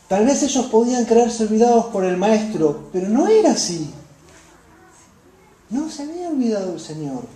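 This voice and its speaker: A woman with a Rioplatense Spanish accent preaching a sermon, passionate, dropping to hushed phrases and rising to emphatic ones. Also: mid-range voice. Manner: impassioned, swings between soft hushed phrases and raised emphatic ones. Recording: echoey room.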